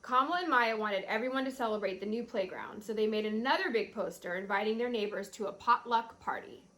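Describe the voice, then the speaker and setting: A woman reading a children's picture book aloud in an expressive storytelling style. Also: a little high, brisk.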